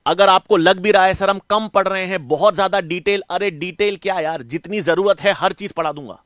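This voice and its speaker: A man's voice: sits high, brisk, a bit bright, dry recording, studio quality. A middle-aged male biology teacher giving an online class, coaxing his students and answering his own questions. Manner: coaxing, calls students "beta" and "bachche"; asks questions and answers them himself.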